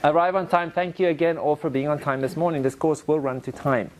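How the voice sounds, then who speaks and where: A man teaching a presentation skills workshop to a live audience, animated and direct, acting out quotes in playful voices. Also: on the high side, brisk. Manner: direct, asks the audience to repeat lines to each other. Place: training room with a live audience.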